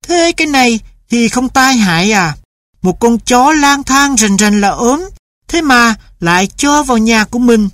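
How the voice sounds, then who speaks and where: A shrill, stern middle-aged mother, loud and sharp as she scolds, as a woman narrator puts her on. The delivery is raised and forceful, recorded dry and close. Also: expressive, a little slow, no room sound. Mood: scolding.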